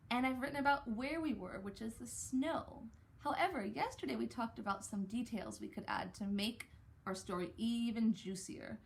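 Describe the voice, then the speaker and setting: A young adult woman teaching a writing lesson to young children, gently coaxing and sounding out words slowly. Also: on the high side.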